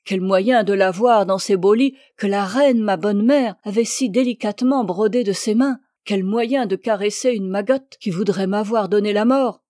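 A woman's voice: mid-range voice, expressive, moderate pace, hardly any pauses, dark tone, dry recording, studio quality, close to an everyday voice. Woman voicing a grieving young princess. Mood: plaintive. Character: young grieving princess, gentle but distressed.

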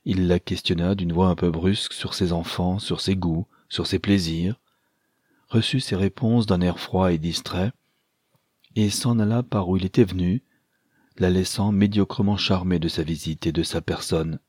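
A man reading a classic novel aloud as a narrator, measured and even. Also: sits low, husky, no echo, studio quality. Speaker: audiobook narrator. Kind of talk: scripted narration.

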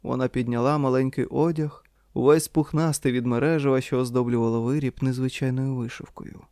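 A man narrating a literary audiobook in a calm, measured reading. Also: medium pitch, no echo, clean studio sound.

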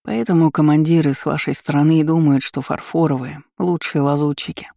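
A woman's voice: deep voice, fairly quick, gravelly, mellow, dry recording, studio quality. A woman reading as an earnest young soldier. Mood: fervent. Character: earnest young male soldier, devoted to the queen.

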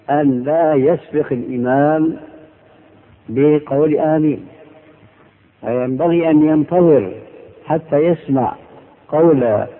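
A man explains religious rulings in a deliberate, teacherly way, pausing between phrases and pressing hard on key words. His voice sits in an ordinary middle register. The recording is thin and tinny, as if it came down a phone line. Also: mid-range voice. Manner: measured, deliberate explanation with emphatic rises. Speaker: religious scholar answering questions. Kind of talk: religious Q&A lecture.

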